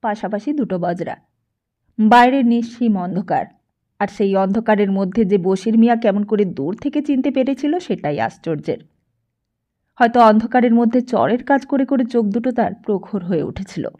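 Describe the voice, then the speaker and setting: A woman's voice: mid-range voice, animated, normal speed, dark tone, muffled recording. A woman narrating a novel as an audiobook reader, reading steadily and expressively. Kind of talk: storybook narration.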